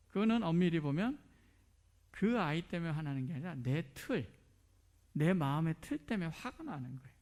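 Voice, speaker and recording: A man's voice: a little high, darkish tone. A middle-aged man preaching a sermon as a pastor, asking rhetorical questions and dropping to near whispers.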